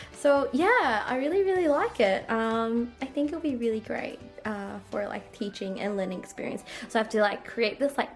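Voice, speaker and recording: A young woman talks through her day in a chatty, bubbly vlog style, leaning on "like" as she goes. Her voice sits a little high, and faint music plays underneath her. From Australia. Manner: bubbly, chatty, heavy use of "like". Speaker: vlogger and English teacher. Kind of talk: casual vlog chat and voice-over.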